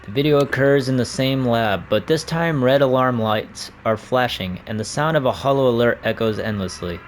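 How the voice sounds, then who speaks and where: Man, plain mid-pitched voice, reads game dialogue and narration, faint hiss behind. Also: moderate pace. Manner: plain reading voice with small slips. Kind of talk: reading game story aloud and commenting.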